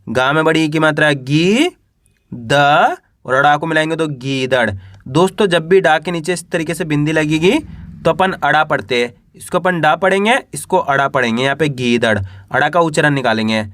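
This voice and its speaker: A man teaching Hindi reading, spelling out each word slowly and patiently, asking the viewer and then repeating the answer. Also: fairly high pitch, fairly bright tone, no echo. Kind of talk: slow spelled-out reading lesson.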